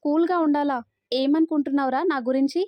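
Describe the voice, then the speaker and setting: A woman's voice: sits high, steady tone, a little fast, no echo, muffled recording, natural voice. A woman voicing a jealous, frantic young businesswoman. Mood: furious. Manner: shouting, frantic.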